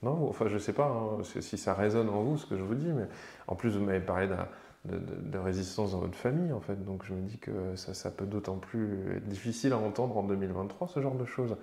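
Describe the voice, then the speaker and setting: A man's voice: fairly low pitch, fairly quick, vocal fry, warm tone, echoey room. A man hosting an interview, probing his guest and thinking aloud with frequent restarts. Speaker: interviewer, host. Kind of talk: conversational interview.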